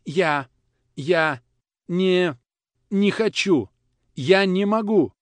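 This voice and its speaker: A man's voice: mid-range voice, animated, normal speed, no echo, lightly acted. A man voicing a young boy, defiant and near tears, who stammers and trembles.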